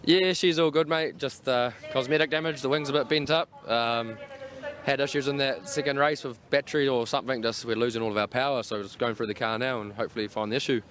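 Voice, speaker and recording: A man's voice: mid-range voice, steady tone, quick pace, fairly bright tone. A man with a broad New Zealand accent, a race driver chatting casually in an interview with laid-back slang. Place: outdoors in speedway pits.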